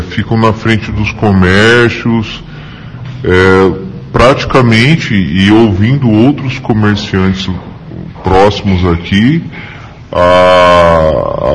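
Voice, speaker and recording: A man's voice: fairly low pitch, slight background noise. A shop owner speaking hesitantly in a street interview, his voice disguised by a voice changer. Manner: hesitant, many filler sounds. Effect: voice altered by a voice changer.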